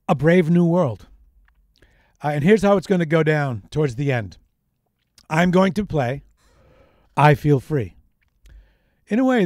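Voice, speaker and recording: A man's voice: on the high side, a little mellow, no room sound. A man hosting a live radio show, chatty and reflective, speaking into a studio microphone. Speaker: radio DJ host.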